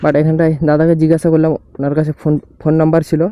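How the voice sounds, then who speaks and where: A man's voice: a little high, monotone, very fast, dark tone, clean tone, no echo. A young man with a West Bengal accent chats casually to vlog viewers from inside a helmet. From West Bengal, India. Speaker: motovlogger, host. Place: outdoors on a motorbike, inside a helmet. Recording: noisy outdoor road and vehicle sound.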